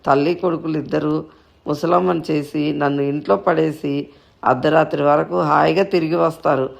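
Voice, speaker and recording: A man voicing a quick-tempered, worried old grandmother who scolds her family, in a story reading. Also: on the high side, fairly even intonation, gravelly. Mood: scolding. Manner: scolding, complaining.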